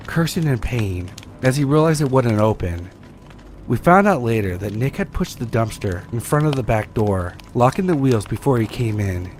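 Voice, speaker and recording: A man reading a first-person true horror story aloud as scripted narration, in a steady, measured delivery. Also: medium pitch, a little hiss or hum.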